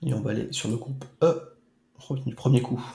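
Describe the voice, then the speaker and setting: A man chats casually in a let's-play stream of a retro football game, tossing out playful, mock-dramatic asides. His medium-pitched voice is mellow, soft-edged and gravelly, and he talks fairly quickly. The room around him rings with echo.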